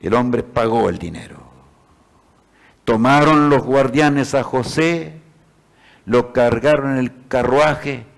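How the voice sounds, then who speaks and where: A man preaching a sermon, speaking to his listeners as brothers, swinging between loud declarations and hushed passages. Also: mid-range voice, takes it slowly, vocal fry, pauses often.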